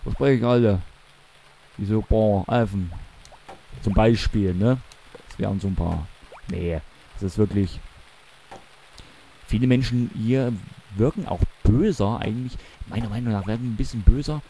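Young man, Mansfeld regional accent, casual game commentary, warm low voice, faint noise behind. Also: normal speed, long pauses. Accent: Mansfeld regional German. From eastern Germany. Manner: rambling, chatty, self-correcting. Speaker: let's play commentator.

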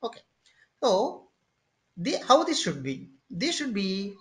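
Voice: medium pitch, sing-song. Patient, repetitive tech instructor. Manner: explains step by step, often pausing with "okay" and "say"; repeats and restarts phrases while thinking. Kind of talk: screen-share tutorial lecture.

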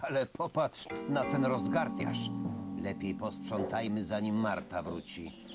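A kindly, unhurried farmer from a children's cartoon. He speaks slowly with a lively, rising and falling pitch. Music plays clearly behind him. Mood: calm. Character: kindly older male farmer. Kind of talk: cartoon dubbing.

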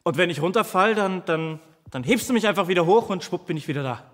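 An actor playing a devoted protective companion who imagines himself tiny and vengeful, speaking in a halting theatrical monologue that keeps stammering and repeating words. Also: male voice, high-pitched, animated, a bit bright, big-room sound. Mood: tender. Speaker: stage actor in a filmed play.

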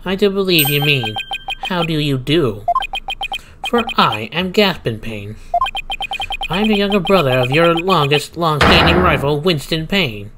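A man's voice: on the high side, animated, very noisy. A man doing a smug, pompous prosecutor. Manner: slow, smug and condescending. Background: game music.

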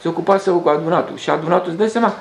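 In an echoing room over a faint hum, a host works through a meandering spiritual monologue. His voice is slightly high and gravelly, and he hesitates and starts over frequently.

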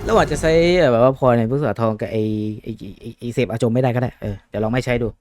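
A man's voice: medium pitch, racing, very noisy. A man giving casual, profane commentary while playing a game, yelping and laughing as he goes. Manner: swears a lot, yelps and laughs at the game. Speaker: gameplay streamer. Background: game music.

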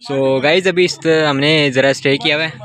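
A man's voice: on the high side, fairly even intonation, a little fast, a bit bright, soft background music. A young man from Pakistan chatting to viewers in a casual travel vlog, filmed outdoors on a phone held at arm's length. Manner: chatty, addresses viewers directly. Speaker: vlogger. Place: outdoors by a roadside.

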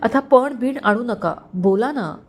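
A woman's voice: fairly high pitch, lively intonation, measured pace, voice pushed up. A woman voicing a young heroine who speaks earnestly and emotionally, hurt but sincere.

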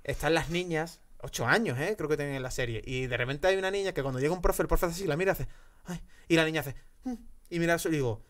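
A fairly high-voiced man, chatting on a podcast. He tells stories in a rambling, animated way and fills the gaps with plenty of fillers. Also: racing, few pauses. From Spain. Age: 30s. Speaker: podcast co-host. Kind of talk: casual chat.

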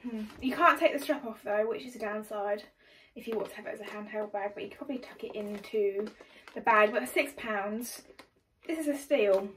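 A young woman with an English accent chatting through a clothing haul in a bubbly, energetic way, filmed at home under a ring light. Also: medium pitch, fairly quick, slight background noise, poor audio. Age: young adult. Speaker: vlogger. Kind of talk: casual haul vlog.

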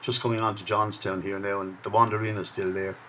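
Strolling a town's riverside path with his camera, a male vlogger gives casual, chatty commentary on the sights and reminisces along the way. He talks fast in a lowish, pushed, bright voice with little pitch movement, and a little hiss or hum can be heard.

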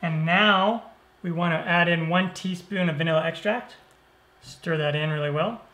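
A man hosting a cooking show, explaining each step of a recipe in a relaxed, easygoing way. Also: on the high side, normal speed. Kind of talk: cooking demonstration. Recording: roomy echo.

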